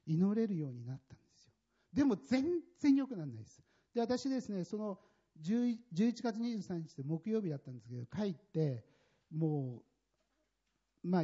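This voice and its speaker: A man giving a personal testimony in a sermon, telling his story in an animated, emphatic way with a husky voice. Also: high-pitched. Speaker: church member giving testimony. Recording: dull lo-fi recording.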